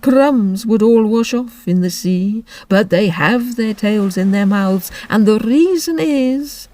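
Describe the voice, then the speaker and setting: A woman voicing the Mock Turtle, a slow, mournful male creature who is easily offended, in a storybook reading. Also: mid-range voice, warm tone, voice pushed up, close to an everyday voice. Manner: slow, drawn-out, sighing delivery.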